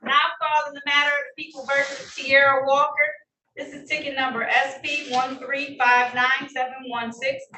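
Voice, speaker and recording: A woman's voice: high voice, level tone, moderate pace, sharp tone. A woman judge presiding over traffic court hearings, formal yet friendly as she reads out charges and rulings, heard in a courtroom recording. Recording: roomy, distant courtroom recording with faint noise.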